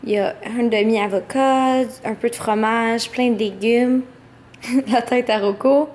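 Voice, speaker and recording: Young female vlogger, Quebec accent, higher-pitched, informal and slangy, noisy home audio. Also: steady tone, measured pace, darkish tone, echoey room. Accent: Quebec French. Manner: informal, chatty, peppered with slang. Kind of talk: casual vlog chat. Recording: clearly noisy home vlog audio, clicks.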